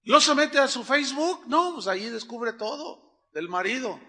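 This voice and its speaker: A man delivers a lively sermon in a high, very bright voice. He acts out little everyday scenes and swings between loud, emphatic lines and quiet, low asides. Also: moderate pace. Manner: animated preaching, acts out little dialogues, swings from loud to hushed. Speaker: pastor.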